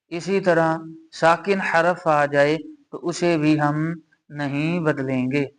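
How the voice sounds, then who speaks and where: A man with a Pakistani Urdu accent teaching a Quran reading lesson, patiently repeating each rule and reciting examples slowly. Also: on the high side. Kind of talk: slow explanatory lesson.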